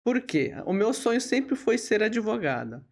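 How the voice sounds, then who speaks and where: A woman tells her own story as a podcast guest. Her voice has a gravelly, fried edge, and she speaks steadily. She keeps checking in with little tag questions and pauses to fill gaps. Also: fairly high pitch. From Brazil. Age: 50s. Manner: steady, with frequent tag questions and hesitation fillers. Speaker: lawyer and bar association leader, podcast guest. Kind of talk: relaxed interview storytelling.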